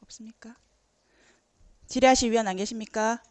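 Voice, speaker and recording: A woman's voice: a little high, steady tone, normal speed, dry recording. A woman chairing a local council committee meeting, using formal procedural phrasing.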